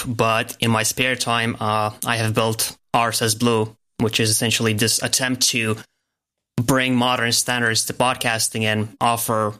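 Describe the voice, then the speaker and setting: Brief: man, bright, crisp-edged voice, calm and explanatory interview guest. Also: mid-range voice. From Lithuania. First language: Lithuanian. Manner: measured, explanatory. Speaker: podcast guest, software developer. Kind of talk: casual interview.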